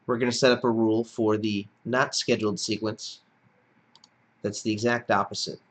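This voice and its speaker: A software tutorial instructor narrates a screencast step by step, explaining in a plain-spoken way. His voice is on the low side, delivered flatly at a normal speed.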